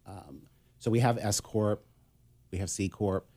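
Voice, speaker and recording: A middle-aged man from Massachusetts talks through his career as a guest on a radio show. His voice sits very low, and his delivery is relaxed and conversational, full of "um" and "you know.". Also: measured pace. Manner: relaxed, conversational, many fillers. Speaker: guest, business consultant. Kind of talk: casual radio interview.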